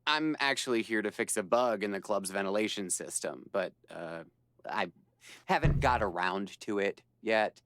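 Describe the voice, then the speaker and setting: A man's voice: on the low side, lively intonation, moderate pace, a bit bright, no echo. An actor playing an awkward, insecure young man in a video game, with a nervous, stammering, hesitant delivery. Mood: awkward, relieved. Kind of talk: video game character acting.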